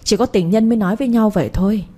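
A woman voicing a sharp-tongued older mother-in-law who scolds and nags in a raised voice. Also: rapid-fire, husky, close to an everyday voice. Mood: scornful. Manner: shrill, scornful, nagging.

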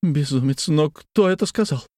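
A man voicing a worried, refined lady of the house who speaks in a soft, pleading way in an audiobook. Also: mid-range voice, expressive, brisk, no room sound, clean studio sound, voice pushed up, natural voice. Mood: anxious.

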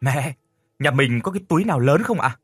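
A man voicing an excitable young adult son in an audio story, talking breathlessly. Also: medium pitch, fairly quick, breathy edge, no room sound, pitched above the performer's own voice. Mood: excited.

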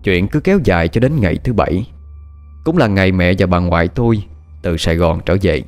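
Male narrator, Southern Vietnamese accent, low voice with lively swings, dramatic horror storytelling, faint music under. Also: fairly quick. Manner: expressive, dramatic.

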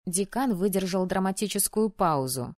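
A woman reading first-person narration of an audiobook in a lively, expressive storytelling manner, close to the mic. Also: mid-range voice, moderate pace, no echo.

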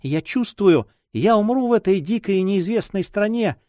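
A man's voice: high voice, lively intonation, normal speed, dark tone, no echo, studio quality, voice pushed up. A man reading a timid, sad sixteen-year-old girl in an audiobook, with a sorrowful, trembling manner.

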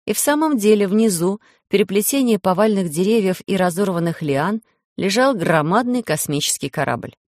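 A woman's voice: medium pitch, lively intonation, a little fast, a little mellow, no echo. A woman narrating a children's story expressively into a close mic. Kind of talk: audiobook narration.

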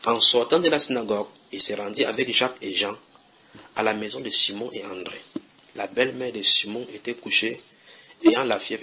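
A man's voice: fairly low pitch, bright, forceful tone, breathy edge. A man preaching at a house church, reading Bible verses and questioning his listeners in a conversational way.

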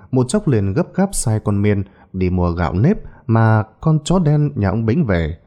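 A man narrating a ghost story in a dramatic, expressive storytelling voice. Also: lowish voice.

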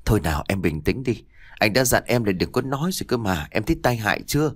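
A man voicing a young husband in an audio story, calm and reassuring. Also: fairly low pitch, fast, no room sound, clean studio sound. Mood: soothing. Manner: gentle, reassuring.

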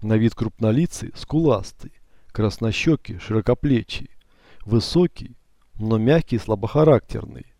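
Calm, low-voiced male audiobook narrator. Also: moderate pace, no echo, studio quality. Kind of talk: scripted first-person narration.

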